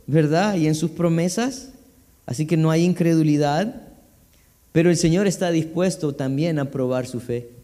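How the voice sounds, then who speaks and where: A man preaching in a church hall, his fairly high voice ringing with long reverb. He reads scripture verses aloud as a pastor, then turns to the congregation with asides to explain them. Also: a little mellow. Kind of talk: sermon.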